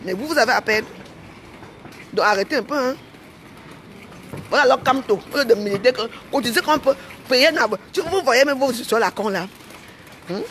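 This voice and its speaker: A woman's voice: on the high side, expressive, moderate pace, long pauses, a bit bright. This is a woman with a Cameroonian French accent, venting to her followers in an angry vlog. She talks in an indignant, repetitive way, punching her points with "hein". A light background hiss sits beneath her voice. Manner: indignant, repeats herself, ends phrases with "hein". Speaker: vlogger. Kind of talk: heated rant to camera.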